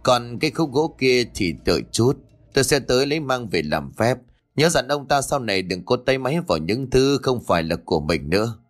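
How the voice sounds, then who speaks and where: A man's voice: medium pitch, sing-song, fairly quick. A man playing a stern older male exorcist who gives firm orders. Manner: stern, commanding.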